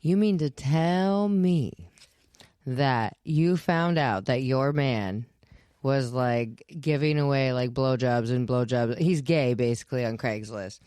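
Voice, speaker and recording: A podcast host in a casual chat, teasing the guest with playful, animated reactions. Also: mid-range voice, takes it slowly, clean tone, no room sound.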